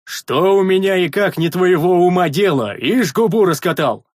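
A man voicing a burly, loud male warrior in an audiobook, bellowing and gruff, with a husky voice. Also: fairly high pitch, animated, normal speed, no echo, clean studio sound. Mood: scolding. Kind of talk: audiobook character voice.

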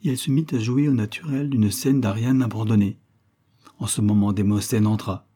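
A man narrates a nineteenth-century novella in measured, scripted reading. His voice is soft and dark with a slightly husky grain. He rises in pitch whenever a character speaks. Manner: reads calmly, lifting pitch for quoted speech. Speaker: audiobook reader.

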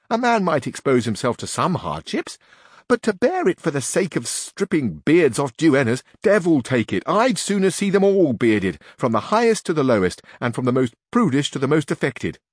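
A man's voice: mid-range voice, sing-song, normal speed, husky, no echo, clean studio sound. A man voicing a grumbling peasant squire. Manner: blunt, grumbling, folksy. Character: complaining stubborn peasant squire, male, middle-aged. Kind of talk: audiobook reading.

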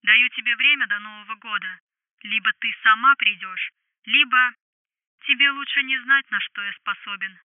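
A woman's voice: fairly high pitch, moderate pace, no echo. A woman voicing a menacing male debt collector over a tinny phone line, coaxing and cold. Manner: coaxing, then cold and threatening. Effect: phone filter.

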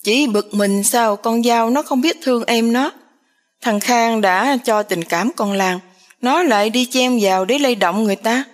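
A woman voicing a quarrelsome stepmother who complains loudly. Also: measured pace, natural voice. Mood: angry. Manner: shrill, loud, complaining.

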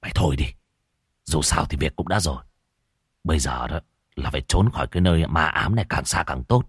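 A man's voice: extremely low pitch, brisk, slightly rough, no echo, studio quality, pitched below the performer's own voice, exaggerated voice. A man voicing a hard, harsh-spoken gang leader who barks short orders. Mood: gruff, commanding.

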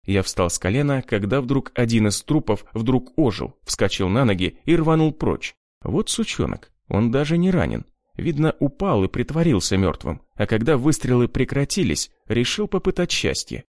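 A man's voice: mid-range voice, very animated, moderate pace, a little mellow, no echo, clean studio sound. A man reading an audiobook in a grim, cold first-person voice. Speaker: audiobook narrator. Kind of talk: scripted narration.

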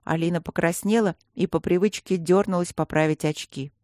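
An audiobook reader narrating a fantasy story in a measured way. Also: medium pitch, steady tone, a little mellow, dry recording, clean studio sound. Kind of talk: scripted narration.

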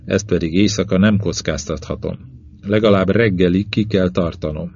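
In a dull, lo-fi recording, a very deep-voiced man narrates a novel in the first person, with vocal fry. As an audiobook reader, he delivers short phrases at an even, measured pace.

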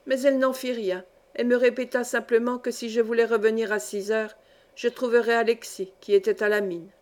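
A woman narrating a classic novel as an audiobook in a measured, steady storytelling voice. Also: on the high side. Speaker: audiobook reader. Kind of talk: scripted narration.

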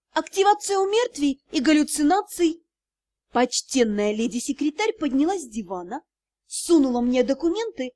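A woman narrating a first-person fantasy novel in an expressive storytelling manner. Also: sits high. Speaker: audiobook narrator.

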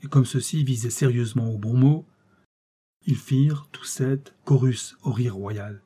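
A man reading a classic story aloud as an audiobook narrator, steady and expressive. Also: mid-range voice, measured pace, husky.

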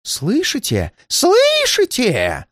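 Man doing a shrill, panicky old man. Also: huge pitch swings, a little slow, a little mellow, no echo, clean studio sound, full character voice. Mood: frantic, fearful. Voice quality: shrill, shaky, pleading. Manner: frantic outbursts, near tears. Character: frightened paranoid old man, shrill and tearful.

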